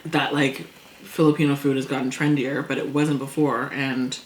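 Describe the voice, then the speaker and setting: A woman chatting casually over a meal, talkative and quick to laugh, acting out things people said. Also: rumbling low, flat delivery. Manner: chatty, laughs often, acts out past quotes. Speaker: co-host. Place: indoors at a table. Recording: echoey room, faint noise.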